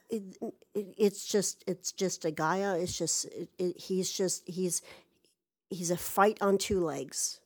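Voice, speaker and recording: Low-voiced woman telling an exasperated story. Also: darkish tone. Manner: rambling, exasperated, swears freely. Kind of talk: casual personal storytelling.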